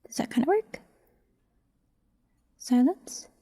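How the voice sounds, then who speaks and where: Slow and warm in tone, a woman's voice murmurs in short fragments as she casually thinks aloud during a screen-recorded walkthrough of editing audio, working as a voice actor.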